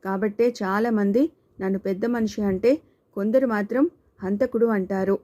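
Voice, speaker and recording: A woman reading the lines of a cold, possessive middle-aged man who speaks calmly and threateningly in a storybook. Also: mid-range voice, normal speed, close to an everyday voice. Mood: coldly threatening.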